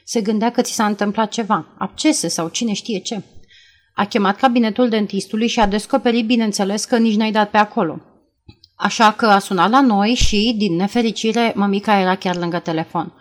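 A woman voicing an anxious, talkative young woman in an audiobook, speaking in a worried, hurried way. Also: mid-range voice, close to an everyday voice. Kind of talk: audiobook character reading.

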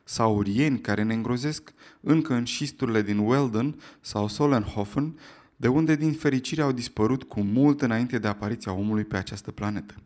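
A man voicing an energetic, irritable male lecturer who speaks in a raised, declaiming tone to a hall. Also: mid-range voice, close to an everyday voice.

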